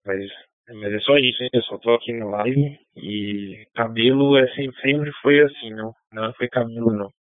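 A man's voice: mid-range voice, moderate pace, no echo. A Brazilian man in casual, rambling chat as a participant on an amateur radio net, heard over the radio. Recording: phone-like narrowband radio audio.

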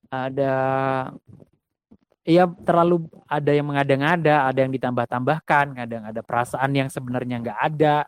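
A man talking about songwriting in a casual conversation, reflective and halting, restarting his sentences. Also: mid-range voice, steady tone, clean tone, dry recording.

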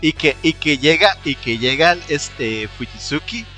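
A man's voice: fairly high pitch, expressive, unhurried, pushed and bright, soft background music. A man with a Costa Rican accent in casual chat, agreeing often and recounting scenes. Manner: agreeable, frequent "mae".

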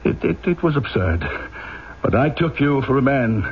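An actor playing a stern, rigidly honourable French police inspector in a radio drama, speaking formally, emphatically and deliberately, accusing himself. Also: male voice, medium pitch, animated, breathy edge. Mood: grave, reporting. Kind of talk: old-time radio drama acting. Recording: muffled, noisy vintage radio recording.

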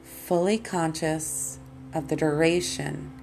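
A woman leading a guided meditation as host and teacher, in a calm, soothing, meditative manner. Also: low-pitched, takes it slowly, vocal fry, low-quality recording. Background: plucked guitar music.

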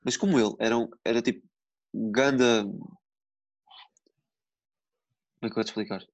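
A man's voice: lowish voice, fairly even intonation, moderate pace, dry recording. A young man with a European Portuguese accent chatting casually in slang, with frequent swearing. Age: young adult. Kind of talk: casual chat.

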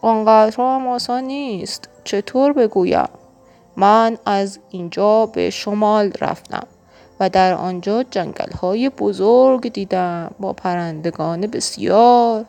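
A woman voicing a weary, loving shepherd father in a children's audiobook, speaking gently and patiently. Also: mid-range voice, vocal fry, faint music behind, lightly acted. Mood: gentle patient. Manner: gentle, patient storybook delivery.

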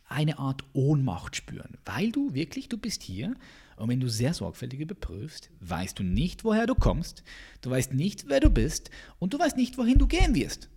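Husky guy doing a motivational coaching talk, big loud bursts then whispers. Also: a little high. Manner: intense, swings between loud bursts and whispers. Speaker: personal growth coach. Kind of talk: motivational monologue.

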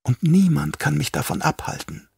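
A man voicing a sly, half-mad old doctor who turns traitor, speaking in a hushed, whispery, drawn-out voice. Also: on the high side, creaky, slightly rough, dry recording, studio quality, voice pushed up, full character voice. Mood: sly menace.

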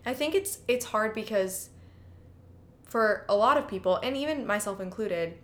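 A woman's voice: mid-range voice, animated, normal speed. A young woman from Chicago with a Chicago accent, co-hosting a podcast in frank, chatty talk. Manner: chatty and frank, with "like" and some swearing. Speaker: podcast co-host. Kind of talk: casual chat.

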